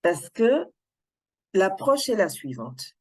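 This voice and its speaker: A woman giving a prepared speech to a club, speaking in a measured, deliberate way. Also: medium pitch, very animated, a little mellow.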